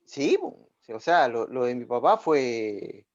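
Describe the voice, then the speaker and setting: A man with a Chilean accent in casual conversation, animated and joking, dropping slang asides. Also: medium pitch, slow pace. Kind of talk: casual chat. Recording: dull lo-fi recording.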